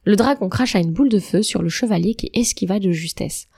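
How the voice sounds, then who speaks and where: A woman narrating a fairy tale aloud in a calm, even storytelling manner. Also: medium pitch, a little fast, gravelly, slightly rough, no echo, clean studio sound.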